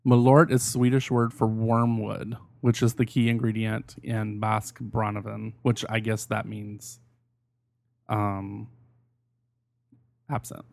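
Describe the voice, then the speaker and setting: A man's voice: fairly low pitch, little pitch movement, takes it slowly, vocal fry, darkish tone, dry recording. A man hosting a podcast in casual chat, talking in a blunt, salty, conversational way. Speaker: podcast host.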